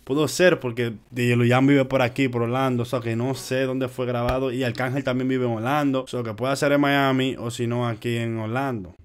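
A man's voice: mid-range voice, little pitch movement, moderate pace, hardly any pauses, clean tone. A man hosting a casual music reaction video, talking chatty and slangy straight to his viewers. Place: home in Orlando.

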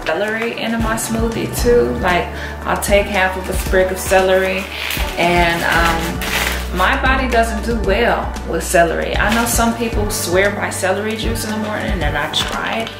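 A young woman chatting casually as she makes a morning smoothie in her home kitchen, filmed on a camera set on the counter. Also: medium pitch, normal speed. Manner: chatty, relaxed, talks while cooking. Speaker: vlogger. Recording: echoey kitchen with loud music.

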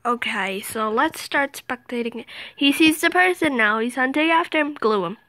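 Excitable high-pitched woman gaming commentator. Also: moderate pace, slight background noise, rough recording. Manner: excitable, swings from whispers to shrieks. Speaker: gaming video host. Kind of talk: game commentary.

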